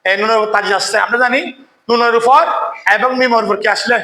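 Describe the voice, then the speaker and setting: Bright, high-voiced male recitation teacher. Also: fairly even intonation, roomy sound, low-quality recording. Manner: quizzes students, often asks "কেমন?" to check understanding; chants verses slowly when demonstrating recitation. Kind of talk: classroom tajweed lesson.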